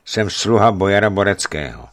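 A beaten prisoner, as a man voices him in an audiobook, answering in short, strained phrases. His voice sits low and subdued. He sounds weak but guarded. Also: expressive, lightly acted. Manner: quiet, strained, clipped answers.

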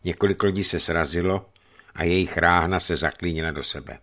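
A man narrating an adventure story in a measured, dramatic reading voice. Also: deep voice, a bit bright. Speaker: audiobook reader.

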